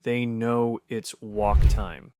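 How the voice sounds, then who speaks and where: A man giving scripted narration for an explainer video, punchy and conversational with quick rhetorical questions. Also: lowish voice, fairly even intonation, mellow, clean tone, dry recording.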